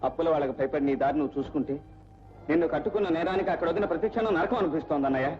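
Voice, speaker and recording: A young actor playing an earnest, firm son in an old film. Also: male voice, on the high side, rapid-fire, lightly acted. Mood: reproachful. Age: young adult. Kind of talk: Telugu film dialogue. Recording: dull old film soundtrack with music.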